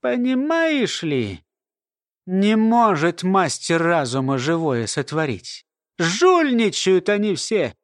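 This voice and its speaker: A woman's voice: fairly low pitch, very animated, takes it slowly, no room sound, studio quality. A man voicing a sly old woman, a former nanny who mumbles and talks in a folksy way. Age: older.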